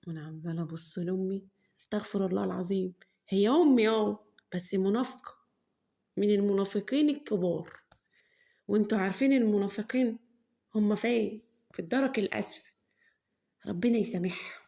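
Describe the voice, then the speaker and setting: A woman's voice: mid-range voice, brisk, vocal fry, pauses often, mellow. Chatty Egyptian woman telling a story. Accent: Egyptian Arabic. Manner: chatty, joking asides to listeners. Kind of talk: first-person story narration.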